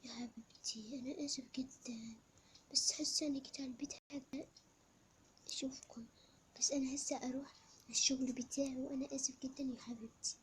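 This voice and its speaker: Whispered role-play: a young performer playing a soft, apologetic father, hushed and affectionate. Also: high-pitched, steady tone, quick pace, slight background noise. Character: tender doting father back from work.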